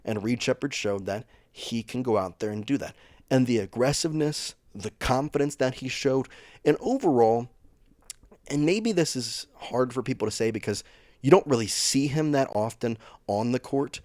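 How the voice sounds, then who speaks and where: A man's voice: mid-range voice, expressive, moderate pace, a little mellow, dry recording. A man hosting a sports channel, talking through team news in a chatty, opinionated way that speeds up in bursts. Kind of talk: casual sports commentary vlog.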